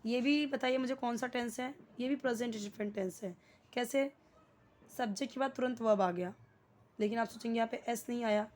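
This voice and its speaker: Higher-voiced Indian woman teaching English. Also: darkish tone. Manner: explains slowly, checks with questions and repeats key words. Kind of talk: Hindi-medium English grammar lesson.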